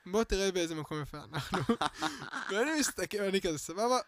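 High-voiced man telling a rambling story. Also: animated. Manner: rambling, full of filler words, acts out shouted quotes. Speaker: guest telling personal stories. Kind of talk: casual storytelling chat.

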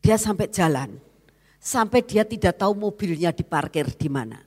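A preacher in the middle of a sermon, recounting a story with heartfelt intensity and speaking straight to the congregation. The voice sits at a middling pitch and keeps swelling into loud, fervent peaks. A long reverb trails every phrase, as in a large church hall. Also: expressive, normal speed, breathy edge. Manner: emotional, swells to loud exclamations; addresses the congregation directly.

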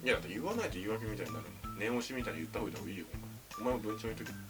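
A man co-hosting a podcast, chatting casually with animated, jokey banter. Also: on the low side, rapid-fire, over loud music. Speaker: podcast co-host. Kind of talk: casual chat.

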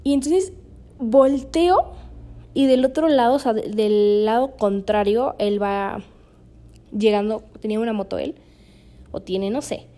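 A woman's voice: fairly high pitch, measured pace, pauses often, warm tone. A young Mexican woman, a podcast host, telling a personal story in casual chat, laughing often between fillers.

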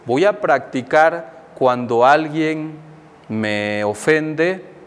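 Male friar, reflective sermon, slow delivery, long hall reverb. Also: on the high side, animated. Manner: slow, reflective, acts out inner dialogue. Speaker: Franciscan friar preaching.

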